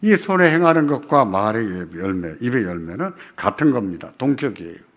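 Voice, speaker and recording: A man preaching a sermon at a church prayer meeting, putting rhetorical questions to the congregation and repeating key phrases with emphasis, swinging between loud and soft. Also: fairly low pitch, very animated, normal speed. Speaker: pastor.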